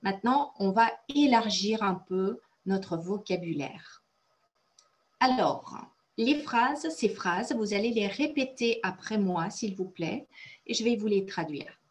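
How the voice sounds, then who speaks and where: Woman teaching french, native russian speaker, slow clear explaining, lots of "bravo". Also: medium pitch, lively intonation. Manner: encouraging, praises students often; explains and translates phrases step by step. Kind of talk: online conversation class.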